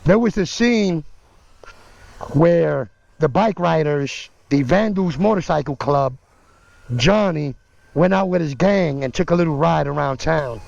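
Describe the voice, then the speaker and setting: A man's voice: on the high side, expressive, measured pace, creaky, darkish tone, no room sound, dull audio. A man giving casual, easygoing motovlog commentary, speaking from inside a helmet. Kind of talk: casual vlog commentary while out riding. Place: outdoors on city streets, motorcycle.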